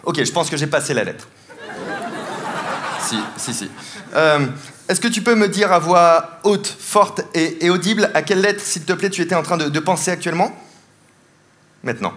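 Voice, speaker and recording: At a moderate pace with long pauses, a man with a fairly high, slightly bright voice performs live stand-up mentalism on a large theatre stage. He teases volunteers playfully and laughs often, as audience laughter and applause fill the recording.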